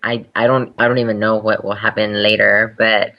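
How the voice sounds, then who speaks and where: A young adult woman, appearing as a guest in a casual interview, talks candidly and laughs easily. Her bass voice has a flat delivery at a moderate pace, and the podcast audio sounds dull and lo-fi.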